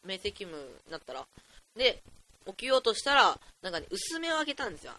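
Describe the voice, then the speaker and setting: A teenage boy of about fifteen hosting a solo podcast, rambling in an excitable, chatty, jokey way at a desk mic. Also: sits high, brisk. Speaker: podcast host.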